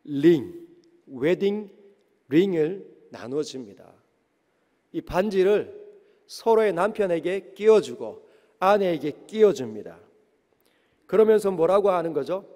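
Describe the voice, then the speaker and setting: A male pastor preaching to his congregation, his voice pitched high for a man. He asks rhetorical question after rhetorical question. Each phrase trails off into the long reverb of a large church sanctuary. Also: expressive, slow, long pauses, mellow. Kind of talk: sermon.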